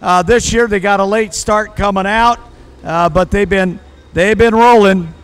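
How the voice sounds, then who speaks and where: A man's voice: sits high, steady tone, a little slow, smooth. A man working as a tractor pull announcer, giving live commentary on drivers and standings.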